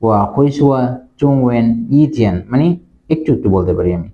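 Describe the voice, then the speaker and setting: A man teaching Chinese phrases in Bengali, repeating each one slowly word by word. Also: mid-range voice, expressive, dull audio. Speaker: language teacher. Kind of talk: Chinese lesson explained in Bengali.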